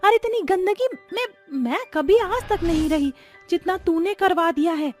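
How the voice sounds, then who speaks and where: A shrill, haughty mother-in-law from a cartoon story, voiced by a woman. The voice sits very high and nags sharply, with soft music running underneath. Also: normal speed. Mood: scolding. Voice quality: shrill, scolding.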